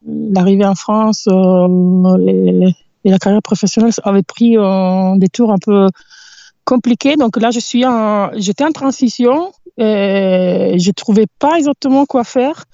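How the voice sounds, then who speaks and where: A woman's voice: medium pitch, measured pace, gravelly, dark tone, dry recording, muffled recording. A woman in her forties with an Italian accent, speaking French as her second language and searching for words as a podcast guest sitting outdoors. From Italy. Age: 40s. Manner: hesitant, searching for words, laughs easily. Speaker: podcast guest, cycling activist. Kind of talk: casual interview chat. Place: outdoors in a meadow, sitting against a tree.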